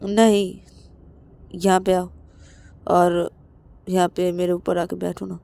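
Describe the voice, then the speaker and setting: A woman's voice: on the low side, level tone, gravelly, dark tone. A woman voicing a domineering, threatening young male lover who gives harsh orders. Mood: menacing. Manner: harsh, menacing, rapid-fire demands.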